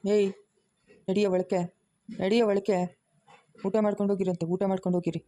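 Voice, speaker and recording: A man's voice: high voice, level tone, a little fast, mellow, natural voice. An actor in a family web drama playing a domineering man who scornfully orders his relatives out. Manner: scornful and commanding, barking orders. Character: domineering, insulting rural man throwing relatives out. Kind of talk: village family drama acting.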